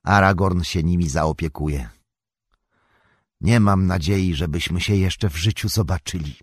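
A man voicing a gentle, resolute young male hobbit in an audiobook, calm and earnest. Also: low voice, measured pace, husky, dry recording. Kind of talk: audiobook character voice.

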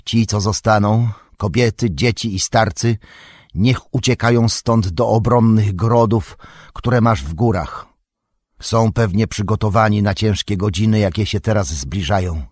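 A man voicing a wise old wizard who gives measured counsel in an audiobook. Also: fairly low pitch, no room sound, clean studio sound. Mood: advising. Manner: measured, advising.

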